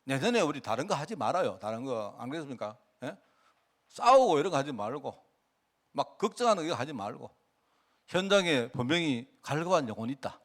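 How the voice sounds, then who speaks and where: A male pastor from the Gyeongsang region preaches at a fairly quick clip in a medium pitch. His sermon is colloquial and animated, and he acts out talks with the people he mentions.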